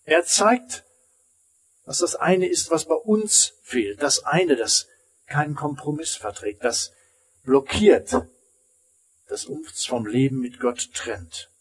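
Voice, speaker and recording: A man preaching a sermon as pastor, emphatic, rising high and then falling almost silent. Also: lively intonation, takes it slowly, long pauses, breathy edge.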